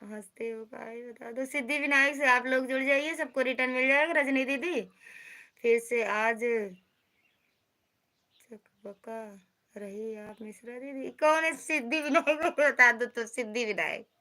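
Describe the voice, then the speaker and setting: A woman's voice: high-pitched, normal speed, pushed and bright. A woman chatting casually on a live stream, greeting viewers and teasing them while reading out their comments. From Uttar Pradesh, India.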